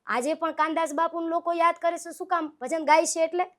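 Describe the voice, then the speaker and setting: A woman, talking as a guest singer in a relaxed interview. Her voice sits high, and her manner is sincere and heartfelt as she tells her stories. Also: fairly quick. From Gujarat, Saurashtra. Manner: earnest, heartfelt, storytelling. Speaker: guest, devotional folk singer. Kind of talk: casual interview conversation.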